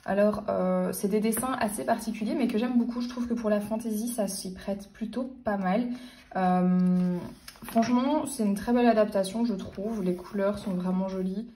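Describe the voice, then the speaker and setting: Chatting about the books she owns, a woman in her late twenties who runs a book vlog stumbles along with fillers and false starts. She has a warm, mid-range voice with a steady tone and moderate pace, picked up from a distance in a roomy space.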